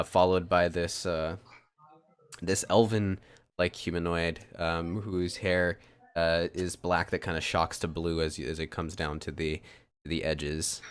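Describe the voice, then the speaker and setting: A man's voice: deep voice, flat delivery, a little slow, clear, resonant tone. A man running a tabletop game as dungeon master, narrating loosely with many ums and restarts.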